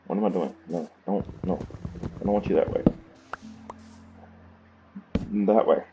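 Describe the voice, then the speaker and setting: A low-voiced man with a Southern US accent talks fairly quickly, rambling casually to himself as he gives gameplay commentary as a gaming series host. It's a clearly noisy home recording, punctuated by clicks.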